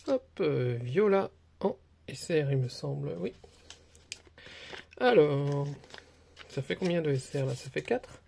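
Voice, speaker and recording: A man's voice: on the high side, gravelly, darkish tone, slight background noise. A young man casually commenting as he opens trading card packs, chatty and rambling with many hesitations. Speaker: card collector opening booster packs.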